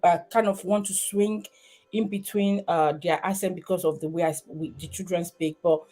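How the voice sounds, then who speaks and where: A Nigerian woman in her thirties hosts a livestream, chatting casually with a Nigerian accent. Her voice is lowish, mellow and steady, at a moderate pace, and she rambles with plenty of fillers and restarts.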